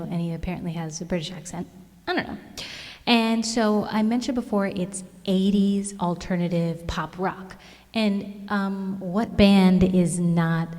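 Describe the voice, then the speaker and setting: Slow, low-ish playful woman vlogger. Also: darkish tone. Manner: playful, chatty, self-amused. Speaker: vlogger and songwriter. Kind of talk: casual comedic vlog.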